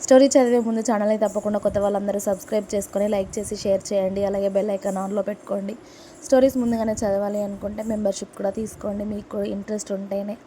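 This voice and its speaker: A woman reading a serialized love story aloud and saying every character's lines herself in a plain, steady delivery. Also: mid-range voice, fast, a little hiss or hum.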